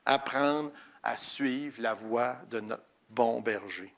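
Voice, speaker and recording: A man's voice: mid-range voice, slow pace, creaky, a bit bright. A man preaching a sermon in a church, in a plain conversational way with fillers. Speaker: pastor.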